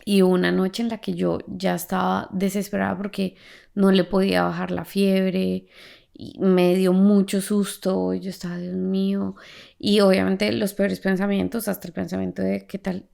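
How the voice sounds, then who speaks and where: A woman hosts a faith podcast and tells her own story with lively energy, laughing as she goes. Her voice has a strong, gravelly vocal fry that runs through her speech. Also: medium pitch, moderate pace. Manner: animated storyteller who laughs as she talks. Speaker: podcast host. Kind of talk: faith testimony conversation.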